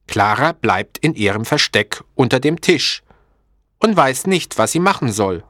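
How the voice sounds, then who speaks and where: A male narrator reading a story at a slow, careful pace, with a lively, expressive pitch. The recording is dry and close to the mic. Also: dry recording. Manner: clear, deliberate, expressive.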